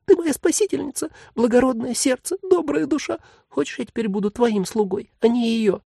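A timid little demon cloud. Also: male voice, extremely high pitch, brisk, gravelly, mellow, slightly rough, no room sound, clean studio sound, voice pushed up, exaggerated voice. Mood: fawning. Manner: plaintive, fawning, fearful.

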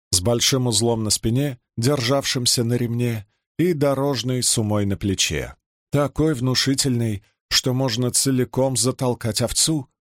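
A male narrator reads a fantasy novel in a slow, measured and even manner. His voice sits at a middle pitch and is recorded close and dry, with no room sound. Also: dry recording. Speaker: audiobook narrator. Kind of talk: scripted narration.

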